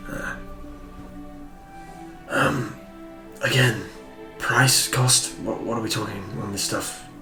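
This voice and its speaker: A man's voice: mid-range voice, fairly even intonation, slow, echoey room, over music. A man playing a tabletop game, asking wry, probing questions in casual banter. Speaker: player.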